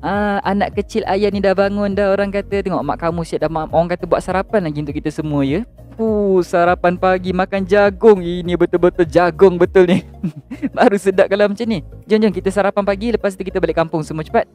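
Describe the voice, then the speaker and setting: Playing a fussy father in a casual game role-play he hosts, a young man talks a little fast with a high, light voice. His manner is bossy, playful and lively, and faint game music plays behind him.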